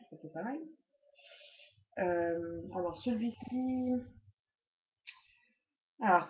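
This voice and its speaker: Chatty woman on a lo-fi webcam. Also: medium pitch. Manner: hesitant, many fillers and restarts, chatty. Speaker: beauty vlogger. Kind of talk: casual makeup haul review. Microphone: laptop webcam. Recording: lo-fi laptop webcam audio.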